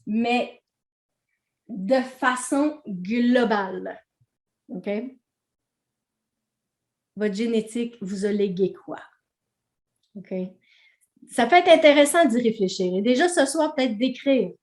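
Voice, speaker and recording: A woman's voice: a little high, lively intonation, takes it slowly, pauses often, darkish tone, echoey room. A woman with a Québécois accent teaching a training session in a conversational way, often checking in with her audience.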